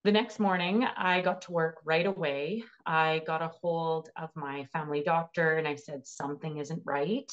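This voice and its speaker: In a personal storytelling interview, a woman in her thirties who is a cancer patient shares her own experience, earnestly and emotionally. Her voice is low, her intonation fairly even, and she speaks at normal speed with few pauses, on audio with the highs cut off.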